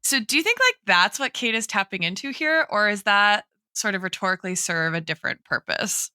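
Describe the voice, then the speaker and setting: A woman who is an academic in political theory co-hosts a podcast, talking in an analytical, intellectual conversational style and often ending her points with a checking "right?" Her medium-pitched voice swings widely and sounds pushed and bright, moving a little fast. The studio-quality recording has no echo.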